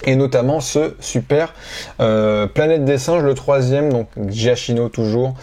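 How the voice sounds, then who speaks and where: A man with a warm, mellow voice chats casually about items from his collection. He talks off the cuff, often pausing to search for words and restarting sentences. His pitch sits in an ordinary middle range. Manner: hesitant, many filler sounds and restarts. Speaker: collector presenting his purchases. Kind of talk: casual unscripted show-and-tell.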